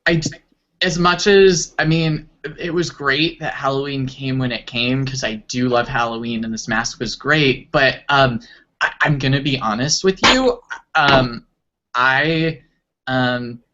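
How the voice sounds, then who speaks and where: An embarrassed, reluctant schoolchild played by an adult with a bright, edgy voice. The kid is hesitant and sheepish in an improv comedy scene, on a slightly dull recording. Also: mid-range voice, measured pace. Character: embarrassed, reluctant second-grade child hiding under a mask.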